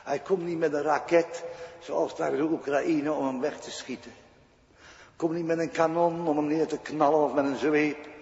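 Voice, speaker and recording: A man's voice: a little high, fairly even intonation, moderate pace, a little mellow. A male pastor preaching a sermon in a church, speaking emphatically and asking rhetorical questions. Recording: dull echoey church recording.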